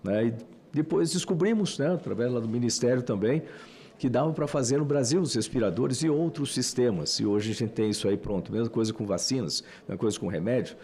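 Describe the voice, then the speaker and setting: A man's voice: medium pitch, a little fast, darkish tone. A Brazilian man, a senator, giving a loose, conversational parliamentary speech with frequent fillers. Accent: Brazilian Portuguese. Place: legislative committee room.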